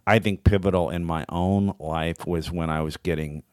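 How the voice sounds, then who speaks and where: A man's voice: sits low, steady tone, normal speed, darkish tone, clear, resonant tone, no echo, studio quality. A man co-hosting a podcast in casual chat, reflective and searching for words with many fillers. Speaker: podcast co-host.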